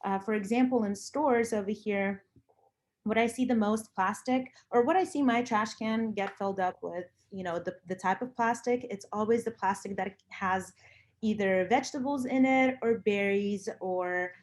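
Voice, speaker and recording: A woman's voice: mid-range voice, moderate pace. A woman from Lithuania, speaking casually and earnestly, with emphatic repetition. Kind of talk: casual conversation about personal views.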